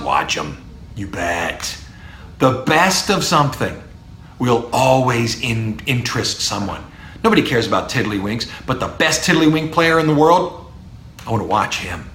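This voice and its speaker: In a reverberant recording with a little hiss or hum, a middle-aged speech professor with a baritone voice lectures on public speaking. His style is emphatic and animated, punctuated by low, punchy asides.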